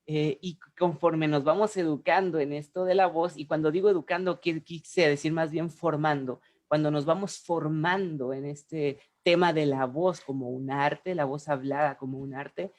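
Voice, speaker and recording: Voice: mid-range voice, steady tone, normal speed, hardly any pauses. Thoughtful co-host of a voice webinar. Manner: thoughtful, searches for words and corrects itself. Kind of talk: reflective webinar conversation.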